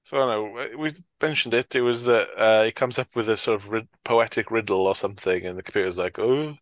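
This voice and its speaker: A man's voice: mid-range voice, fairly even intonation, fast, no room sound. A man, co-hosting a casual film discussion, who rambles, swears freely and often leaves sentences unfinished. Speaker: podcast co-host.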